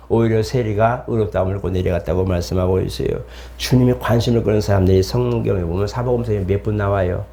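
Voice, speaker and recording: A man's voice: medium pitch, darkish tone. A middle-aged man preaching a sermon as pastor, in a conversational way, acting out the voices of the people he quotes.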